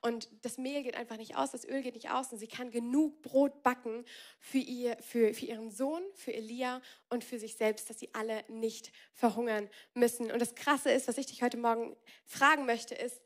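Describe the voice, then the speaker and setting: A young adult woman gives a casual youth sermon, talking in a colloquial, energetic way with frequent restarts. Her voice sits fairly high for a woman. She shifts easily between plain reading and lively asides. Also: moderate pace. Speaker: preacher.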